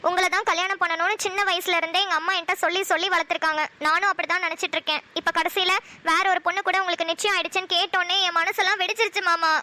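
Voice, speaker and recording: Insistent young woman, cartoon, very high, bright tone. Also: flat delivery, rapid-fire, few pauses. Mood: pleading. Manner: pleading, insistent. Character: lovesick young woman pleading. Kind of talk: cartoon voice acting.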